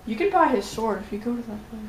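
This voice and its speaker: A young woman joking with a friend while playing a video game, teasing and unhurried. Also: on the high side, expressive, roomy sound, a little hiss or hum. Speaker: gamer.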